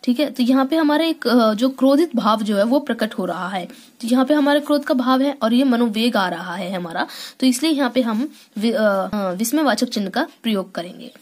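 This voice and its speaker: Higher-pitched woman teaching a grammar lesson. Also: expressive, normal speed. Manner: explains step by step with frequent hesitations and check-ins. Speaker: school teacher.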